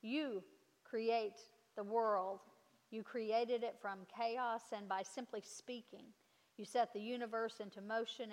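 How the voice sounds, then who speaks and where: A woman pastor leading communion, speaking in a measured, solemn way with slowed emphatic phrases, her voice ringing with a long cathedral-like echo. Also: medium pitch. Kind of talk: sermon and liturgical prayer. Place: large church sanctuary.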